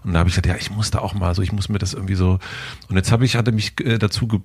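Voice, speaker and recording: A man hosting a casual podcast conversation, calm and hesitant, with many fillers. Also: low-pitched, very fast, husky. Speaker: podcast host. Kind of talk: casual chat.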